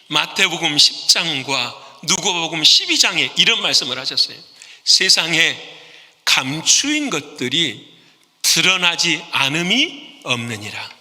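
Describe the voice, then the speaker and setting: A high, very bright male voice preaching with lively, swooping pitch. He works through a sermon by asking the congregation questions and answering them. His voice rings through a church sanctuary with a long reverb tail. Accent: Korean. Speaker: pastor.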